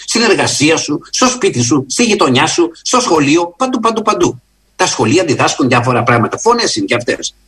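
A man preaching a sermon in an earnest, emphatic way, often rising in pitch and slowing for stress. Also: husky. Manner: earnest, emphatic, with lively rises in pitch and slow stressed phrases.

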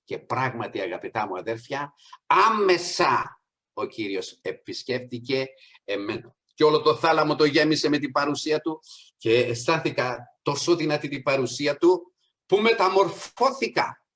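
A middle-aged man preaching a sermon, addressing the congregation as brothers and sisters, with soft asides and raised, emphatic peaks. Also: fairly high pitch, animated.

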